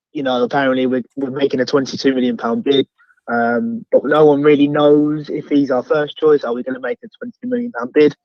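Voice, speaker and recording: A man's voice: medium pitch, no room sound. A man with an Essex accent chatting casually as a football fan calling in, rambling and repeating phrases as he goes. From Essex, England. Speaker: fan phoning in as caller. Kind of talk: casual chat. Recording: slightly dull, lo-fi call line.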